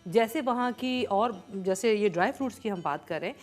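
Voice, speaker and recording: A woman hosting a studio talk show, in a chatty, expressive way. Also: medium pitch, moderate pace, soft background music. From Pakistan. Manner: chatty and expressive, excited storytelling.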